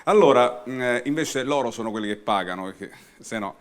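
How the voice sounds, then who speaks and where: A man's voice: mid-range voice, lively intonation, a little fast. A man hosting a live show informally, joking and repeating his phrases. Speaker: TV show host. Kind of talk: informal live stage presenting. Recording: music behind the voice.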